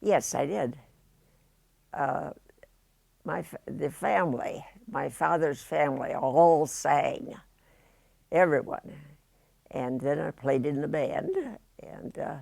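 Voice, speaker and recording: Very old woman, midwestern american accent, gravelly creaky voice, slow halting reminiscing, dry close sound. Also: deep voice, a little mellow, dry recording. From United States, rural Indiana. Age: very old, about 102. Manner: halting delivery with long pauses and many hesitations. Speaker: interviewee. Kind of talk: reminiscing in an interview.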